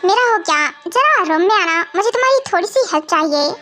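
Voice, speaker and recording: A woman's voice: very high voice, animated, a little fast, pushed and bright, exaggerated voice. A woman voicing a brash, cocky young gangster husband in a fan-dubbed audio story, talking in a teasing, smug way.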